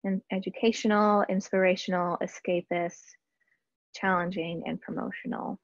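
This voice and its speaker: A woman marketing strategist presenting a workshop in a casual, chatty way, often pausing with fillers and restarting sentences. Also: medium pitch, steady tone, dry recording, lo-fi sound. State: briefly out of breath. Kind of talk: casual slide-based webinar teaching.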